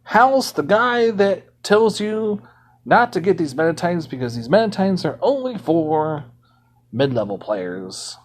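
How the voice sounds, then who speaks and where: A man's voice: high-pitched, big pitch swings, a little slow. A man streaming a game from home, ranting indignantly in casual commentary.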